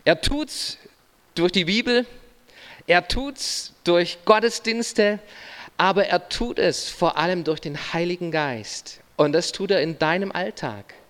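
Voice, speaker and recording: A man's voice: sits high, slow, a bit bright. A man in his thirties, a pastor preaching a sermon earnestly, speaking straight to the listener in short phrases. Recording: long reverb of a large hall.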